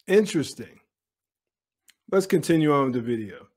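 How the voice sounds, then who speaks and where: A man's voice: on the high side, animated, normal speed, darkish tone, slightly rough. A man giving opinionated commentary on a police video, speaking bluntly and directly to his viewers.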